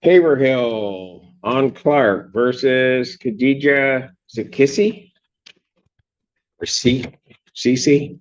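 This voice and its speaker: A male judge running a courtroom hearing, brisk and directive as he moves through cases. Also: mid-range voice, lo-fi sound.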